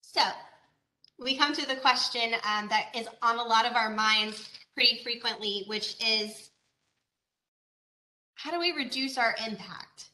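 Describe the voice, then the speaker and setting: Bright-voiced woman presenting online. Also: on the high side, a little slow, long pauses, roomy sound. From Georgia, USA. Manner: conversational, with frequent fillers and rhetorical questions. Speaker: agricultural educator. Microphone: video call.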